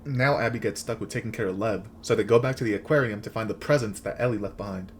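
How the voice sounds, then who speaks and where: A man with a lowish voice talks fast over heavy background noise. As host, he delivers a scripted comedic rant recapping a video game, full of sarcastic, crude, slangy jokes.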